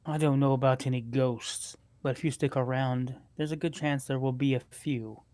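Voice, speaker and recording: A man's voice: medium pitch, steady tone, moderate pace, darkish tone, no room sound, lightly acted. A man voicing a sly, threatening hobgoblin smuggler in a tabletop fantasy game. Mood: sly menace.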